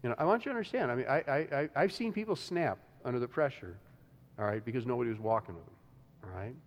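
A man's voice: medium pitch, lively intonation, fast, dull audio. A man preaching to his congregation in a loose, conversational way, often restarting sentences and chuckling. His voice sits in the middle range and rings with the long reverb of a large hall. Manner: conversational, many restarts and "you know", chuckles. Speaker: pastor. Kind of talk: sermon.

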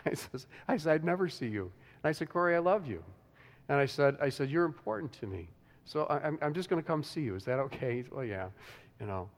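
A man's voice: medium pitch, lively intonation, fast talker. A man preaching to his congregation in a loose, conversational way, often restarting sentences and chuckling. His voice sits in the middle range and rings with the long reverb of a large hall. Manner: conversational, many restarts and "you know", chuckles. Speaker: pastor. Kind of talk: sermon.

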